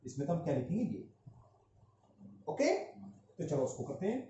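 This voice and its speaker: A man teaching a maths lesson, with a fairly high voice that is very dark and mellow in tone. He explains each step patiently and drags out the key terms. The room echoes, and the recording sounds dull and a bit muffled over a faint hiss. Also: very animated. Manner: explains step by step, mixing Hindi with English terms and drawing out key words slowly. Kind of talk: classroom-style math lesson.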